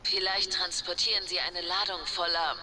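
An actress playing a composed starship captain who gives a formal, measured report as a sci-fi communicator transmission. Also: female voice, fairly low pitch, flat delivery, crowd noise, low-quality recording. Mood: grave. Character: composed female starship captain, grave and decisive. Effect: sci-fi communicator transmission, a recorded radio message. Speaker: ship captain in a recorded log. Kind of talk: video game voice acting.

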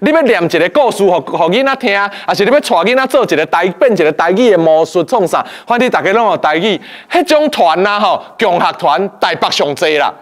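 A man teaching a class, lively and playful, often quizzing his students. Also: high-pitched, brisk, few pauses. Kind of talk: lecture to a class.

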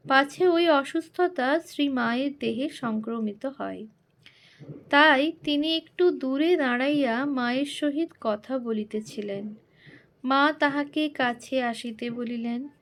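Slow, high-voiced woman reading devotionally. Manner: slow, devout recitation in formal literary prose. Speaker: narrator. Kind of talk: reading a devotional biography aloud.

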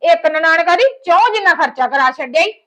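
An actress playing a resentful daughter-in-law who complains bitterly about family money and a wedding. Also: female voice, extremely high pitch, a little fast, pushed and bright. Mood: complaining. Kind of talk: village family drama acting.

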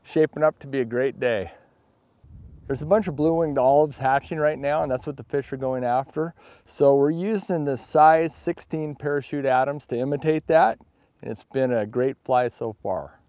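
A man's voice: mid-range voice, normal speed, darkish tone, no echo. A middle-aged man hosting a fly fishing vlog outdoors on a river, casual and jokey, exclaiming when a fish strikes. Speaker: fly fishing channel host.

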